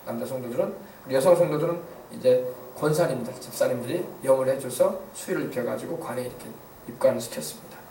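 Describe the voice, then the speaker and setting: A man pastor preaching a sermon, emphatic, swinging between hushed passages and loud exclamations. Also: mid-range voice, fast talker, a little hiss or hum. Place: church sanctuary. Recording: echoey church sound from a distance.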